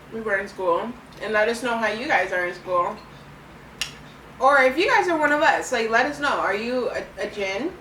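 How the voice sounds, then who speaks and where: A woman's voice: mid-range voice, a bit bright. A young woman chatting casually and telling stories in a giggly, chatty way as co-host of a couple's video. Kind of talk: casual chat. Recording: echoey room, distant mic, faint noise.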